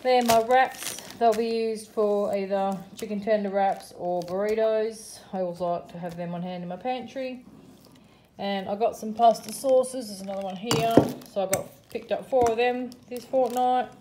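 Showing off her grocery haul in a home kitchen or dining room, this middle-aged Australian vlogger speaks at medium pitch, with a steady tone and moderate pace. Her casual chat is peppered with ums and remarks about prices, recorded on a phone held above a table amid noisy surroundings.

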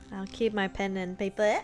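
A woman playing a game on stream, giggly and playful in casual commentary. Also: medium pitch. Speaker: gameplay streamer. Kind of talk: casual let's play commentary.

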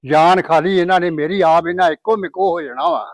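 A woman's voice: lowish voice, steady tone, a little fast, no echo, pitched below the performer's own voice, lightly acted. Woman doing a panting, grumbling old woman. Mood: exasperated. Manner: breathless complaining. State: out of breath.

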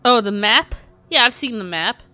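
A woman streaming a video game live, swearing, yelling at enemies and cracking jokes. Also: on the high side, expressive, moderate pace, soft background music. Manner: profane, yells at the game, jokes. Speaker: gaming streamer. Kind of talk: live gameplay commentary.

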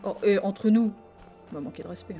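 A woman streaming a game, chatting excitably to her viewers and laughing often. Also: mid-range voice, a little fast. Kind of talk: let's play commentary. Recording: game music playing behind.

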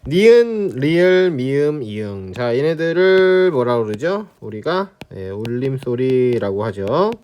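A Korean language teacher lecturing on spelling rules, repeating key phrases and checking in with students. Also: male voice, medium pitch, very animated, takes it slowly, hardly any pauses, darkish tone, clear, resonant tone.

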